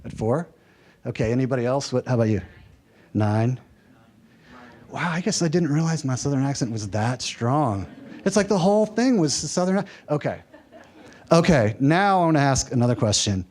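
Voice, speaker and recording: A man's voice: medium pitch, expressive, normal speed, a little mellow. A man from the American South presenting a workshop lecture, conversational and lightly humorous, checking in with his audience. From American South, mountain region. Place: workshop room.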